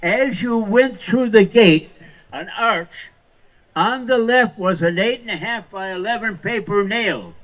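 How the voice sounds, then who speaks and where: A hundred-year-old man, a veteran speaking to an audience, recounting war memories in short, halting, emphatic phrases with rhetorical questions. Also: high-pitched, fairly bright tone, low-quality recording. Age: 100 years old. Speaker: veteran Marine guest speaker. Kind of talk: live war reminiscence to an audience.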